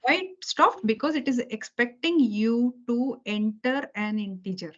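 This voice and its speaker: A woman with a fairly high voice talks a little slowly as she teaches a beginner programming lesson over a video call. Patient and repetitive, she restates key points and checks understanding with "okay" and "right" after almost every sentence. The call sounds dull and lo-fi.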